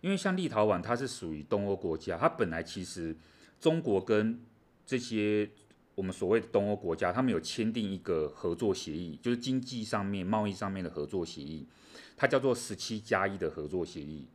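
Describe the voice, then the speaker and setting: A man's voice: fairly low pitch, lively intonation, a little fast, darkish tone. A man co-hosting a casual chat on world affairs, explaining things animatedly with many fillers. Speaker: co-host.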